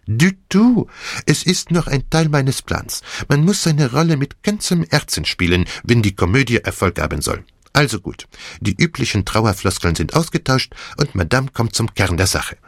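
A man's voice: medium pitch, very animated, moderate pace, creaky, no echo, clean studio sound, voice pushed up. A man voicing a fussy, theatrical older male detective in an audiobook, talking dramatically and dropping French phrases. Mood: gleeful. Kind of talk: audiobook character voice.

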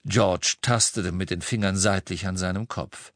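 Trockener männlicher Hörbuchsprecher. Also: male voice, sits low, fairly even intonation, a little slow, fairly bright tone, no echo, clean studio sound. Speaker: audiobook narrator. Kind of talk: scripted narration.

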